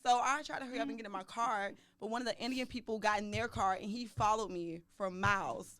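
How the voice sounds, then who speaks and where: A young woman co-hosting a casual podcast, telling a story with lots of energy and laughter. Her voice sits at a middle pitch and sounds dry and close to the mic, with no room around it. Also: quick pace, fairly bright tone, dry recording. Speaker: podcast co-host.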